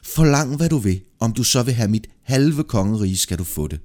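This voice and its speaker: A man's voice: fairly low pitch, expressive, darkish tone, close to an everyday voice. A man voicing a grateful, generous old king in an expansive, hearty manner in a read-aloud folk tale.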